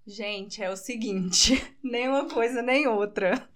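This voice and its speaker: Mulher goiana de trinta e poucos, voz lisa. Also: female voice, fairly high pitch, slow pace. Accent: Goiás Brazilian Portuguese. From Goiás, Brazil. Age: 30s. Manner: relaxed, laughing, matter-of-fact. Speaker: guest, manicurist. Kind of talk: casual interview chat.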